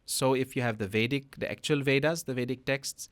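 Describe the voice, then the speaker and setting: A man's voice: medium pitch, brisk, fairly bright tone. A man, a guest spiritual teacher explaining things patiently on a podcast, often tagging his sentences with a questioning "no?". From Netherlands.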